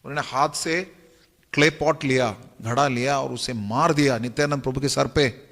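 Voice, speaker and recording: A man's voice: medium pitch, steady tone, moderate pace, fairly bright tone. A man giving a devotional story sermon in a temple hall, retelling tales and chanting verses between his explanations. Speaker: religious storyteller. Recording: echoey hall.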